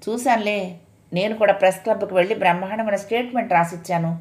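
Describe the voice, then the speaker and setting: A woman's voice: mid-range voice, fast talker, a little mellow, natural voice. A woman voicing a confident young man who reassures his frightened fiancée with a cocky tone, in a read-aloud story.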